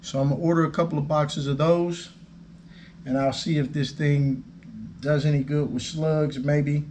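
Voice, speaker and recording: A man's voice: fairly high pitch, little pitch movement, moderate pace, a little mellow, a little hiss or hum. A man, talking through an airgun review in an easygoing, folksy way. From United States. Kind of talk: casual product review.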